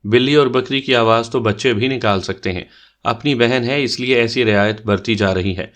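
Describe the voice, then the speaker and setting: A male performer, medium-pitched and slightly bright, gives a lightly acted take on a cheeky young man who leads a party game. He jokingly needles his sister in a bantering tone.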